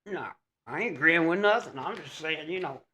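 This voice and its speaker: A man's voice: on the high side, lively intonation, fairly quick, sharp tone. A man co-hosting a casual podcast, telling folksy stories and teasing with wisecracks. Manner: folksy drawl, teasing wisecracks, double negatives. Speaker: podcast co-host. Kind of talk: casual chat, storytelling.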